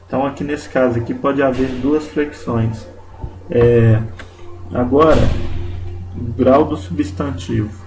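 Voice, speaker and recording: A man teaching a Portuguese grammar lesson, speaking slowly and deliberately and often checking in with his listeners. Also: medium pitch, fairly even intonation, reverberant, music in the background, rough recording. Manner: slow and deliberate, checks in with "né?" and "não é isso?".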